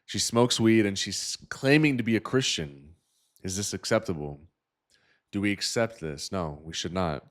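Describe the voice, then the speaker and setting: Low-voiced dude doing sarcastic preachy commentary on dating profiles. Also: male voice, normal speed. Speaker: host reviewing dating profiles. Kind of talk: reaction commentary.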